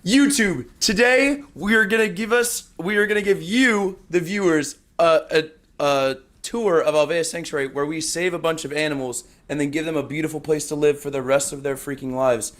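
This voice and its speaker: A man's voice: fairly high pitch, normal speed, few pauses, fairly bright tone. A man filming and co-hosting a casual vlog, joking around in a goofy, mock-hyped way. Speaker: co-host and camera operator.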